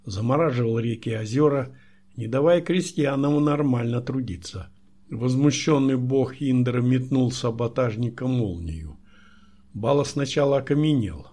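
A man's voice: medium pitch, dark tone, husky. A man reading a wry, short-tempered male laboratory chief in an audiobook.

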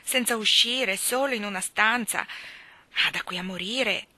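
A woman voicing an excitable, chatty young servant girl in a read-aloud story, talking breathlessly with a high, rising voice and dropping into half-whispers. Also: a little slow, no room sound. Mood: gossipy.

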